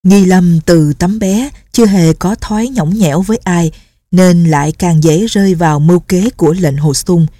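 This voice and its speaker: A woman narrating a martial arts novel in a steady, measured storytelling manner. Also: on the low side, no room sound. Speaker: audiobook narrator. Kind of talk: scripted narration.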